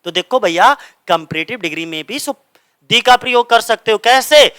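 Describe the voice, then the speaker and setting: Bright-voiced male grammar teacher. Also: high voice, expressive, smooth, no echo. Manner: explains step by step, asks and answers his own questions; reads English examples slowly and deliberately. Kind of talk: exam-prep grammar lesson. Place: coaching centre classroom.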